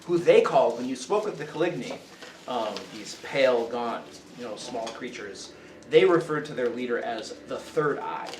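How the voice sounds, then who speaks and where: A man's voice: mid-range voice, animated, moderate pace. A man runs a tabletop game, laying out the scene in an explanatory way. His mid-range voice is picked up from a distance in a roomy space with faint noise behind. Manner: explanatory, often checking with listeners. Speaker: game master. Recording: echoey room, distant mic, faint noise.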